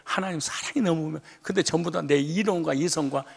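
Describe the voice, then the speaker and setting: A man preaching a sermon as pastor, emphatic and colloquial, often rising to loud outbursts. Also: on the high side, a little fast, creaky, slightly rough.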